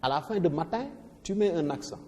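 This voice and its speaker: A man explains verse rhythm like a teacher at the board, leaning hard on stressed syllables and often restarting words. His voice is mellow and dark. It sits in a room with a long reverb tail. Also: fairly high pitch, expressive, brisk. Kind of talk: explaining a poetry lesson.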